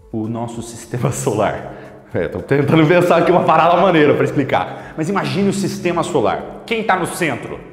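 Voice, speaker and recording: Animated, playful male teacher. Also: on the high side. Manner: playful, theatrical, asks and answers his own questions. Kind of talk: energetic video lesson. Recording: echoey room with faint music.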